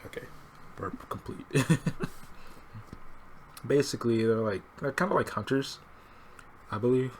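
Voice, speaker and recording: A young man talks casually, rambling and filler-heavy as he thinks aloud. His pitch sits in an ordinary middle range. Faint background noise hums behind him. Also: a little slow, long pauses. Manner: rambling, many fillers, looks up pronunciations aloud. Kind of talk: casual chat.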